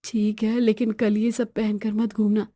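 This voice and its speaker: A woman's voice: mid-range voice, flat delivery, a little slow, dark tone, dry recording, clean studio sound, close to an everyday voice. A woman voicing a weary, henpecked young husband in a storybook tale, grumbling and pleading.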